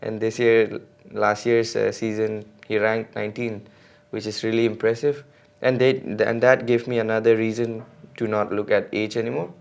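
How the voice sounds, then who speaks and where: A man in his 20s from India, a mountain bike racer, guests on a podcast, speaking casually and hesitantly with many fillers and restarts. His lowish voice is creaky and flat, at a moderate pace.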